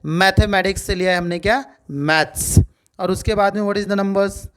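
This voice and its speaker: A man's voice: high-pitched, steady tone, moderate pace, fairly bright tone, clean tone. A middle-aged man with an Indian English accent, teaching a video lesson in a mix of Hindi and English and asking himself questions as he explains. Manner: asks rhetorical questions and answers them himself.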